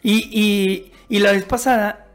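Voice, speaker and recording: A man with a Mexican Spanish accent telling family anecdotes in a casual podcast chat, animated and rambling, restarting his sentences. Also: sits high, unhurried, faint music behind. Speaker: podcast co-host.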